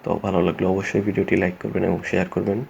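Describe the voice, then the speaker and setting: Gravelly low-voiced man explaining. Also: little pitch movement, very fast, darkish tone. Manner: plain, repetitive explaining with many fillers. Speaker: electrician instructor. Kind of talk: casual spoken tutorial. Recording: dull lo-fi audio with faint noise.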